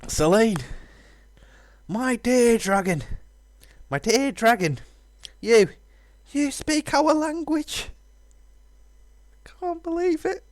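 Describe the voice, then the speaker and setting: A man's voice: very high-pitched, animated, no room sound, voice pushed up, heavily acted. A bold, cheeky young woman speaks in a raised, stagey voice, drawing her words out for effect, as a man voices her. The sound is close and dry, with nothing around it. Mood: wondering. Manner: slow, stagey, teasing delivery.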